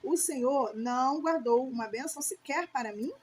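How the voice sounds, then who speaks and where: A bitter grown son pleads with his father, voiced plainly by a woman reading aloud. Her voice is high and clear, with faint noise underneath. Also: moderate pace, natural voice. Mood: pleading.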